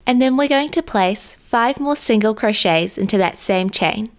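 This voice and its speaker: A woman host narrating a crochet tutorial in a calm, step-by-step instructional manner. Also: on the high side, moderate pace. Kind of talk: scripted tutorial voice-over.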